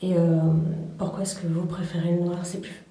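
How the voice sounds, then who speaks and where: A woman's voice: on the low side, flat delivery, moderate pace. A woman who investigates the paranormal, patiently and politely questioning a presence in the cellar of a derelict house. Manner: soft, patient, polite questioning with frequent thanks. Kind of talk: spirit-box session, questioning a presence. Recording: echoey cellar, distant mic, noisy background.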